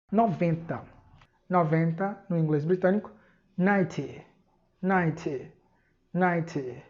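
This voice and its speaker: Brazilian woman drilling pronunciation, muffled. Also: on the low side. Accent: Brazilian Portuguese. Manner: slowly repeats English words as drills. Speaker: English teacher. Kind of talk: pronunciation lesson. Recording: dull lo-fi recording.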